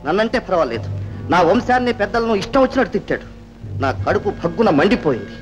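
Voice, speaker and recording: An actor playing a smooth-talking, scheming middle-aged landlord in a 1960s film, measured and persuasive. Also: male voice, sits high, big pitch swings. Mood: proud. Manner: measured, persuasive, rising to proud anger. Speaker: zamindar. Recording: old film soundtrack with faint music.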